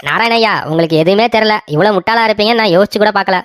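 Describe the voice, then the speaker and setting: A woman's voice: mid-range voice, very fast, no echo, clean studio sound, natural voice. A woman voicing a boastful, mocking village man in a cartoon story, talking in a taunting, scornful way.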